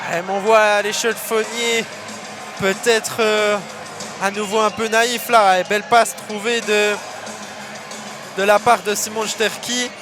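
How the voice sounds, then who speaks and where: Male hockey co-commentator, high animated voice, clear arena crowd and music underneath. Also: measured pace. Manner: animated, raises voice on big plays. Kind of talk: live sports commentary.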